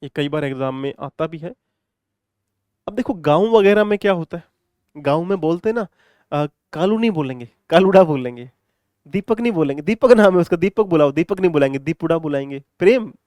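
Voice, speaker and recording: Man, exam-prep vocabulary lesson, chatty and repetitive, high-pitched, dry close sound. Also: expressive, a little fast, a little mellow, dry recording. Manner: chatty, repetitive, addresses students affectionately. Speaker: English teacher.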